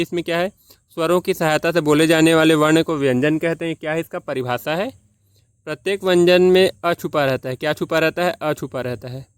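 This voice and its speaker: A male tutor with a somewhat high, smooth voice works through quiz answers for exam students. He asks each key point as a question and answers it himself, slowing down to sound things out one by one. The sound is close and dry. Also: no echo. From Chhattisgarh, India. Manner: slow and deliberate, spelling out sounds one by one. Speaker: exam-prep teacher.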